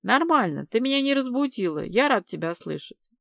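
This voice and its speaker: A woman's voice: a little high, big pitch swings, a little fast, creaky, fairly bright tone, no echo, studio quality, voice pushed up, exaggerated voice. A woman reading an unruffled, mocking man. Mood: calm. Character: calm, sleepy, ironic man.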